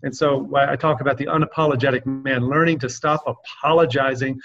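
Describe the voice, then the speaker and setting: A man's voice: medium pitch, fairly even intonation, brisk, a bit bright. A man who coaches men, talking earnestly in a casual podcast conversation. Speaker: men's coach. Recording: dull lo-fi sound.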